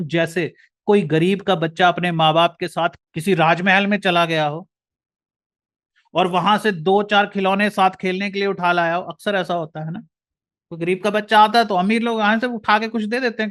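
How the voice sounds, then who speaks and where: A man's voice: high voice, fairly bright tone. A man with an Indian accent giving an earnest lecture, often calling the listener brother. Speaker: motivational speaker.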